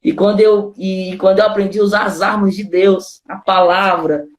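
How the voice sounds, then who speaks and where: A man's voice: high-pitched, flat delivery, normal speed, roomy sound. Brazilian pastor telling his story casually. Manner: informal storytelling, constant "cara" and "né" fillers. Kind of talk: casual testimony conversation.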